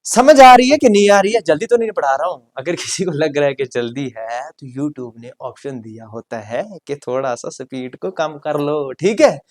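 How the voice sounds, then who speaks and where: A male teacher giving an exam-prep grammar lesson in a chatty, joking way. He fires off rhetorical questions and swings between loud coaxing and soft asides. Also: on the high side, expressive, moderate pace, hardly any pauses.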